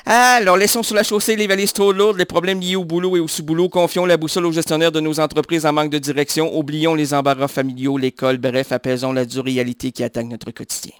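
A man's voice: on the high side, fairly even intonation, fast talker, hardly any pauses, smooth, no echo, studio quality. A man hosting a radio show in a playful, joking, chatty way. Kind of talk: casual radio chat.

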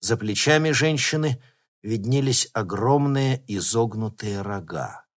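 A man narrating an audiobook at an ordinary pitch, reading steadily and with drama in the action scenes. His storytelling voice is clear and even. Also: a little slow. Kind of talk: scripted narration.

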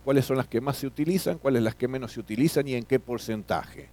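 A man's voice: medium pitch, quick pace, dark tone. A middle-aged man teaching a classroom lecture, often tagging his sentences with questions and repeating words.

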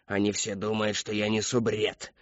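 A man's voice: lowish voice, monotone, moderate pace, no room sound, close to an everyday voice. A man voicing a frantic old woman who raves and wails about death. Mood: insistent. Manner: insistent, wailing repetition. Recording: dull lo-fi dry recording.

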